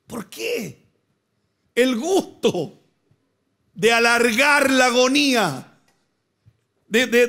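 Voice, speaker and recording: A pastor delivers a sermon in a notably high voice. He poses question after question to his congregation. He drives his points home with bursts of repeated words. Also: fairly bright tone. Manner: preaching with rising emphatic bursts and repeated words.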